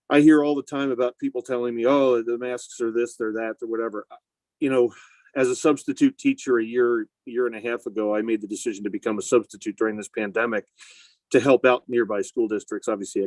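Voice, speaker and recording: A man speaking through a face mask as a school board member, giving measured, deliberate remarks at a public meeting. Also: on the low side, a little mellow, no room sound. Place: inside a school building.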